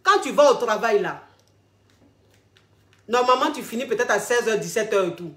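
A woman's voice: a little high, expressive, normal speed. Chatty woman giving advice. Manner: familiar, repetitive, addresses listeners as darling. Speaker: vlog host giving relationship advice. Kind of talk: casual advice talk. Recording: roomy echo.

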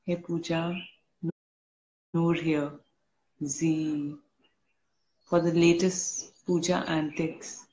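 A woman hosting a casual live stream, reading fan comments aloud and answering slowly while a little unwell. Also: sits low, slight background noise. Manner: slow, relaxed, answers comments one by one. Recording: dull lo-fi stream audio.

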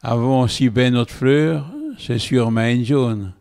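A man with a Walloon accent reading a story aloud in an unhurried storytelling manner. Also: mid-range voice, fairly even intonation, creaky, darkish tone, big-room sound.

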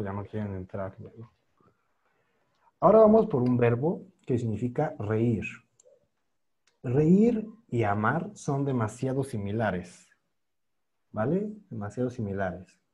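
A man teaching an online pronunciation class over a video call mic, patiently repeating words slowly for students to copy. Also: medium pitch, darkish tone, breathy edge. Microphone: computer microphone on a video call.

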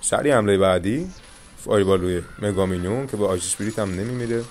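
Low-voiced man coaching through a mobile game. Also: a little hiss or hum. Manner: coaching viewers, calm reassurance. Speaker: gaming channel host. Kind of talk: live gameplay commentary with tips.

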